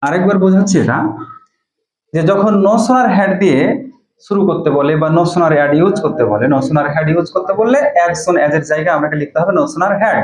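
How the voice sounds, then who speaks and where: A man teaching English grammar, explaining step by step, dictating example sentences slowly and asking questions he then answers himself. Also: on the high side, animated, reverberant, poor audio. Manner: slow and deliberate when dictating sentences, asks and answers his own questions. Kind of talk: classroom-style lesson, explaining step by step.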